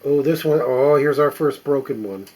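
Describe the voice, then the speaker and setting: Here a mature man, a record collector, chats unscripted through his finds, pausing and musing as he looks each one over. His mid-pitched voice is mellow, a little husky and unclean in tone, and the recording is rough.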